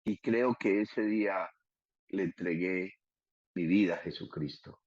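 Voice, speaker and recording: A middle-aged man with a Colombian Antioquia accent, telling his conversion story in an emotional, emphatic way and slowing down at key moments. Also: low voice, darkish tone. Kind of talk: personal testimony, conversational storytelling. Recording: dull lo-fi sound.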